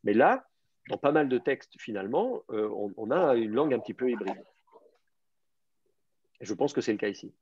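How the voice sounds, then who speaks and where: A man's voice: medium pitch, big pitch swings, moderate pace, long pauses, a little mellow, husky. A man teaching an advanced Hebrew class, explaining grammar and word roots with many fillers and restarts. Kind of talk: online language class. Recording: dull lo-fi sound.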